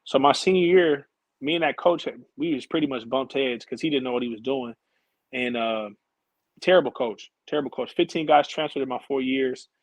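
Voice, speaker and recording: A man's voice: mid-range voice, brisk, no echo, poor audio. A man in an interview, telling his own basketball stories in casual slang and acting out his past conversations. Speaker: interview guest, former college and pro basketball player.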